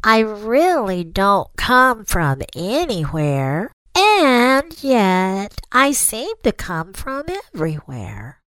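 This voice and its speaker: A man voicing a young female turtle who speaks very slowly, for a storybook. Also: high-pitched, wildly swooping pitch, bright, forceful tone, clean tone, no echo, pitched above the performer's own voice, full character voice. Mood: placid. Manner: very slow, drawn-out speech.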